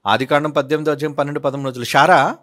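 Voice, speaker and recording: A man preaching with a lively, rising and falling voice that sits fairly high. He reads scripture in drawn-out phrases, then presses his listeners with pointed, repeated questions. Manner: questioning, emphatic, drawn-out readings. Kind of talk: sermon with bible reading.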